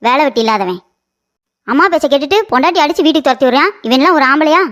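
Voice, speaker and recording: A woman voicing a sharp-tongued, combative middle-aged mother of the bride in a comic cartoon. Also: high voice, lively intonation, rapid-fire. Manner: combative, mocking.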